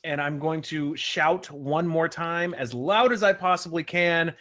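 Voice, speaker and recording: High-pitched man as a tabletop player, rambling, cursing, joking in character. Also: measured pace, sharp tone. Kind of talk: playing a tabletop game on stream.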